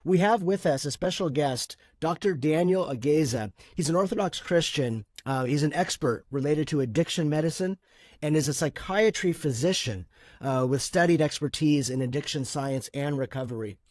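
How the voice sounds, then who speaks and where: A man hosting a faith podcast, introducing guests in a measured, earnest way with some fillers. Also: a little high, a little mellow, no echo, studio quality. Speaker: podcast host and moderator.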